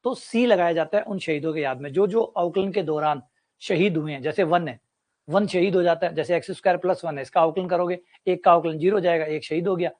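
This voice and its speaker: Higher-pitched man teaching a maths class. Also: a little fast, a little mellow. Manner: explains with everyday examples and repetition. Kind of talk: classroom lecture.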